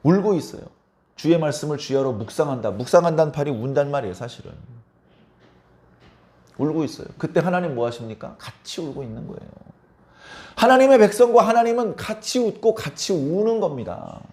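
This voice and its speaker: Animated male pastor preaching a sermon. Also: fairly high pitch, brisk. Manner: emphatic, keeps prodding listeners with rhetorical questions.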